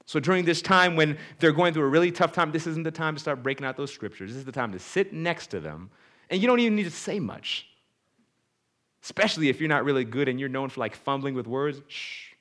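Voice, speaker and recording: A man preaching a sermon in a conversational way. He reads scripture dramatically and acts out the people he quotes, swinging from loud to hushed. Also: a little high, brisk.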